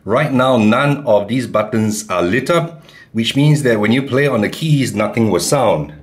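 A man calmly giving step-by-step keyboard instructions in a tutorial. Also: medium pitch, unhurried. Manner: calm, plain instructions. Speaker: keyboard teacher.

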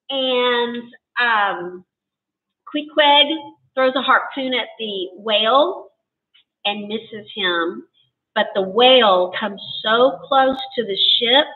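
A woman school librarian reading a story aloud to students, expressive and chatty. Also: medium pitch. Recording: tinny phone-like, distant.

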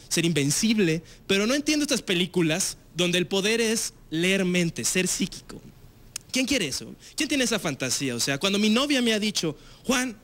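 High-voiced Mexican man doing stand-up. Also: fairly bright tone, a little hiss or hum. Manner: loose, slangy, frequent filler tags. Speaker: stand-up comedian. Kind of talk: stand-up comedy set. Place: TV studio stage with live audience.

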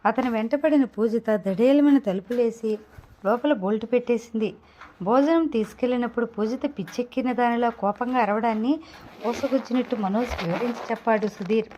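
A woman narrating an audio novel in a steady, measured storytelling manner. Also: on the high side, a little hiss or hum. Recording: dull lo-fi recording.

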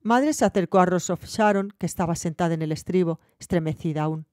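Warm-voiced woman audiobook narrator. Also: fairly low pitch, a little fast, no echo, studio quality.

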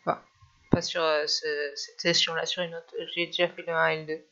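A woman chatting casually and hesitantly while she plays a horror game in a dark bedroom. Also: low-pitched, level tone, a little fast, highs cut off. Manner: chatty, hesitant with many fillers. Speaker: gamer. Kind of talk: casual let's play commentary.

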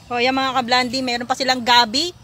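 A woman's voice: high voice, little pitch movement, a little fast, sharp tone. A woman in her thirties giving a chatty, giggly selfie tour of a rural farm, talking to her viewers on a handheld phone outdoors. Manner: chatty, giggly, addresses viewers as "mga kablandi". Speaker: vlogger. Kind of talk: casual selfie vlog tour. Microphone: phone at arm's length. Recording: phone recording with outdoor noise.

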